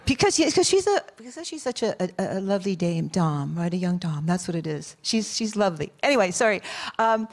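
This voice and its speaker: A woman's voice: lowish voice, big pitch swings. Chatty woman moderating a panel. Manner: chatty and effusive, with quick restarts.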